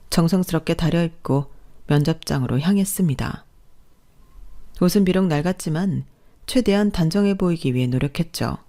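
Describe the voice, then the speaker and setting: A middle-aged woman narrating a first-person real-life story in a calm, even storytelling way. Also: sits low.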